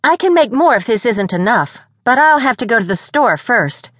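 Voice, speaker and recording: A woman narrator voicing a lively, caring young woman who talks briskly and expressively. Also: fairly high pitch, no echo, clean studio sound, voice pushed up.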